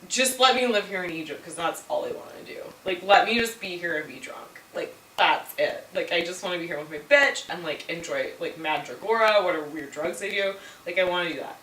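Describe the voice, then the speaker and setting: A woman's voice: mid-range voice, expressive, normal speed, sharp tone, slight background noise, voice pushed down. A drunk woman voicing a whiny lovesick male Roman general in a petulant, slangy drawl. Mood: pleading. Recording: echoey room, mic at distance, faint music.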